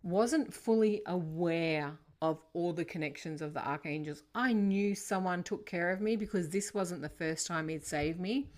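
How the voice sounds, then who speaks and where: A woman hosts a casual spiritual interview. Her voice sits a little low, and she tells her stories in an animated, dramatic way. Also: moderate pace, hardly any pauses. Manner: animated storytelling, dramatic retelling. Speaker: podcast host.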